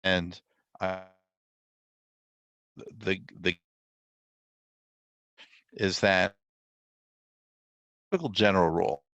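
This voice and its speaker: A man's voice: sits low, steady tone, drawn-out words, long pauses, fairly bright tone, no echo, lo-fi sound. A male professor lecturing over a video call that keeps breaking up and cutting out, with rambling restarts. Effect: choppy, cutting-out video call audio. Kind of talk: lecturing to students.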